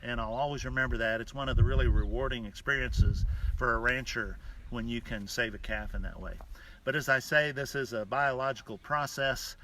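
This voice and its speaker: A male rancher explaining and telling stories off the cuff in a folksy, halting way with deliberate pauses. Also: medium pitch, steady tone, bright, forceful tone. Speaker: rancher hosting a live stream from a ranch. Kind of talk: unscripted explanatory talk and storytelling. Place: outdoors on a cattle ranch. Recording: distant mic outdoors, clear background noise. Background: cattle mooing.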